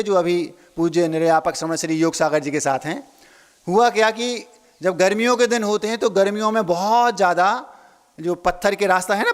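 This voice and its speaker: A man's voice: high-pitched, big-room sound. A man, a Jain monk, giving a sermon, playing with word meanings and asking his listeners questions. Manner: playful wordplay, asks the audience questions.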